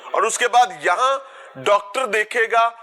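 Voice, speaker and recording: A man's voice: extremely high pitch, bright, forceful tone. A man reporting on location outdoors, walking and talking in a theatrical, sarcastic way as an investigative host. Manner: theatrical, sarcastic, addresses an absent politician. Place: outdoors at a hospital and a park.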